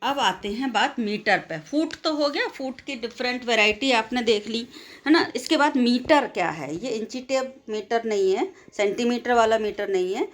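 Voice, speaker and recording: A woman teacher lecturing her students, slowly dictating definitions and asking and answering her own questions. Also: a little high, animated. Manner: slow, deliberate dictation of English definitions, quicker explanations in between; calls students "beta" affectionately. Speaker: English literature teacher. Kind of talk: classroom lecture mixing Hindi and English.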